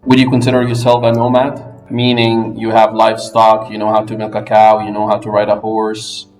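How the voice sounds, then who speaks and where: A man from the United States hosting an interview, asking questions in clear, explanatory steps. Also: lowish voice, monotone, moderate pace, a little mellow. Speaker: interviewer, English language fellow. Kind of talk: podcast interview. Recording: echoey room, music underneath.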